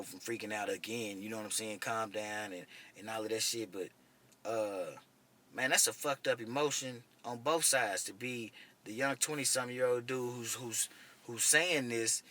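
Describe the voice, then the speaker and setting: A man's voice: mid-range voice, bright, forceful tone. A man in his thirties, an army medic veteran, casually telling a war story in a profane, conversational way. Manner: profane, conversational, keeps asking "you know what I'm saying". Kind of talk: casual first-person storytelling.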